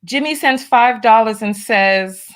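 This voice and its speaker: A New York woman, accent partly disguised, chats through a casual livestream, reading donations from viewers and making wry asides while doing her makeup. She speaks at a measured pace in a slightly high voice.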